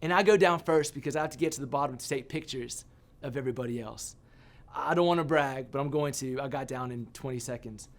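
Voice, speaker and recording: A man giving a sermon as a youth pastor, telling a personal story with animated, self-mocking humor. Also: mid-range voice, fast.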